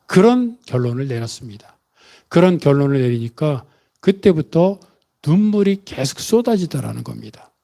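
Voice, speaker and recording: A male pastor telling a story in a sermon, rising into dramatic bursts and slowing for weight. His voice sits a touch high but sounds warm and mellow. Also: sing-song, vocal fry. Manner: dramatic retelling with vivid pauses and emotional rises.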